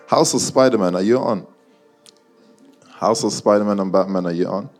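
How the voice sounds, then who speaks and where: Soft background music accompanies a man whose voice sits on the low side and moves at a normal speed. Addressing a live audience and online viewers in casual London slang, he teases them as he goes. He is of Nigerian origin, spent childhood years in Guyana, and was schooled in the UK.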